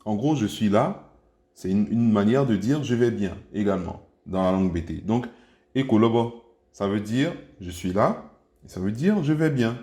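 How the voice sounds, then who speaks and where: Mellow-voiced man teaching a language lesson. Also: fairly low pitch, animated. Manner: patient, encouraging, repeats each phrase slowly. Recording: echoey room.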